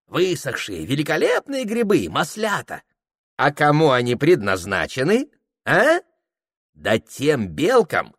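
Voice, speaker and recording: A reader playing a tipsy, chatty exile who lectures eagerly, his voice bouncing up and down. He speaks slowly and the sound is dry and close. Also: on the high side, dry recording, voice pushed up. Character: drunk talkative exiled man who stammers.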